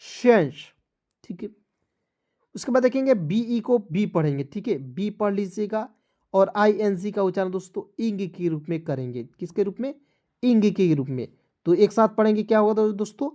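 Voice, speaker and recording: A man's voice: sits high, animated, warm tone, dull audio. A man teaching English online, spelling each word letter by letter, asking how it is read, then answering and checking that viewers follow. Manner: repeats each word slowly. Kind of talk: spelling-out language lesson.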